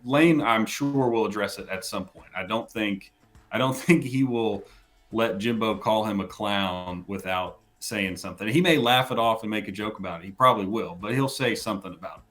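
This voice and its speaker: Low-voiced guy on a sports podcast, laid back, chuckles a lot, keeps restarting his sentences. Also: normal speed, fairly bright tone. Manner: easygoing, chuckles between points, restarts phrases. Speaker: podcast guest, college football writer. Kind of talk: casual sports podcast chat.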